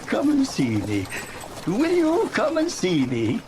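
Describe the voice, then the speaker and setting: Giddy old Scrooge, wildly swooping voice. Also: male voice, high-pitched, wildly swooping pitch, slow pace, noisy background, heavily acted. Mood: earnest, grateful. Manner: effusive, stammering, gushing. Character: elated old miser turned kindly and generous. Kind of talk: dramatized audiobook acting.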